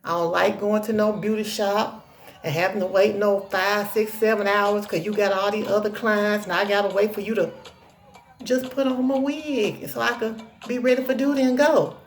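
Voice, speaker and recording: A woman with a deep Southern US accent chatting casually to her viewers in a folksy, sassy, self-assured country way. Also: fairly even intonation, moderate pace, faint music behind. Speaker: hair tutorial vlogger.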